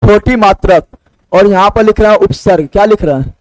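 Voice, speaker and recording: A man's voice: sits high, a little fast, dry recording, low-quality recording. A man teaching a class, asking the same question again and again and answering it himself. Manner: drilling students with repeated questions. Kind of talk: classroom lecture.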